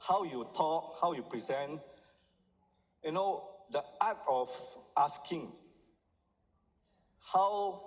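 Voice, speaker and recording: Man lecturing in a reverberant hall. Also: on the high side. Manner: checks with the audience with "huh?" and "right?". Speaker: doctor giving a lecture. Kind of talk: conference lecture.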